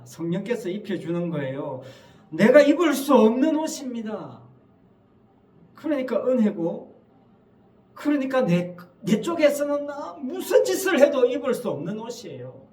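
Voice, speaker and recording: A man's voice: high-pitched, big pitch swings, normal speed, darkish tone. A male pastor preaching a Sunday sermon in a church, emphatic and full of rhetorical questions to the congregation. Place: church sanctuary. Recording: echoey church hall, mic at a distance.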